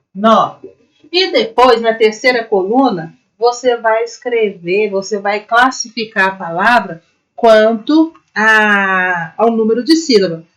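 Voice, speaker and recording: A woman teacher with a Brazilian Portuguese accent, giving a recorded class to young pupils, patient and step by step, sounding out syllables slowly. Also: mid-range voice, fairly bright tone, rough recording. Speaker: primary school teacher.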